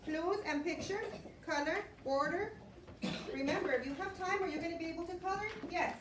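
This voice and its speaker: Very high-pitched woman teaching young children. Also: a little fast. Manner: prompting with questions and repeated instructions. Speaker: elementary school teacher. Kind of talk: classroom instruction to young children. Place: indoor school classroom. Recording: roomy, distant classroom recording with clear noise.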